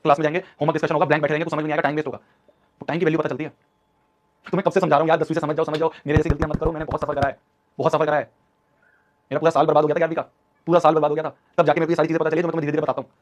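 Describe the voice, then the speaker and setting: Racing along in a flat delivery, this fairly high-pitched man in his twenties is an online teacher giving his class a motivational talk. He sounds urgent, scolding and repetitive. Dull lo-fi stream audio.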